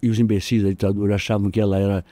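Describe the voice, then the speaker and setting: An older man with a Brazilian accent, a jiu-jitsu master telling animated stories in an interview, jumping up in pitch when he quotes people. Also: racing, dry recording. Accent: Brazilian Portuguese. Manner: animated, acts out quoted voices with jumps in pitch. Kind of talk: storytelling in casual interview.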